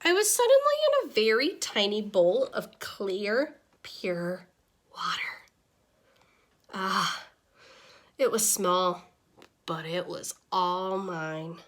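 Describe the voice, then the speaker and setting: Relieved yet wistful, a woman voices an easily exasperated little pet goldfish narrating its diary. She reads in a mid-range voice, with the expressive, deliberate manner of a children's picture book.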